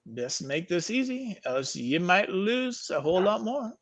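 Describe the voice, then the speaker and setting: A man voicing a menacing red-headed Irish man in a live fiction reading, with an attempted Irish lilt, slow and low. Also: sing-song, full character voice.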